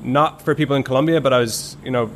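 A man's voice: medium pitch, fast talker. A man, in his thirties, chats at an easy pace as a podcast guest. His talk rambles loosely and is full of "like" and small restarts. A faint hiss of noise sits under his voice. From Ireland. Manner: relaxed, rambling, many "like" fillers. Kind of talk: casual conversational storytelling.

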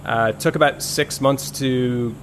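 Relaxed man telling his story. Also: mid-range voice, a little slow, slight background noise. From Ireland. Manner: relaxed, rambling, many "like" fillers. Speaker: podcast guest. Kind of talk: casual conversational storytelling.

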